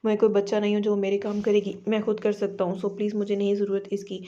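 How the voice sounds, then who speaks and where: A woman's voice: medium pitch, completely flat delivery, quick pace, warm tone, highs cut off, natural voice. A woman reading the lines of a rude, proud young husband in an audio novel, in a curt, dismissive voice. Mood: irritated.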